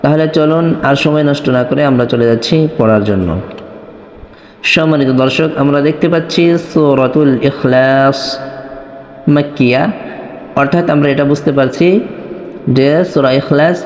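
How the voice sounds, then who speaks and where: A man's voice: medium pitch, darkish tone. Man teaching Quran recitation, echoing room. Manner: explains quickly, then chants Arabic verses slowly in long melodic lines. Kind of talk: tajweed lesson with chanted recitation. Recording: roomy echo with long reverb.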